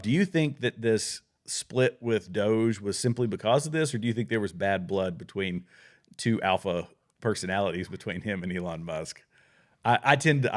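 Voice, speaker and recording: A man hosting a casual political talk show, rambling with restarts and reading news items aloud. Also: on the low side. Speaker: podcast host.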